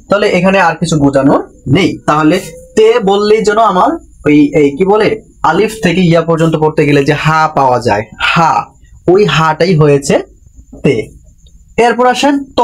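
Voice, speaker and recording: Male teacher, somewhat high voice, patient, repeats and quizzes students, classroom lesson delivery. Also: lively intonation, normal speed. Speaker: Japanese language teacher. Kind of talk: classroom-style lesson explanation.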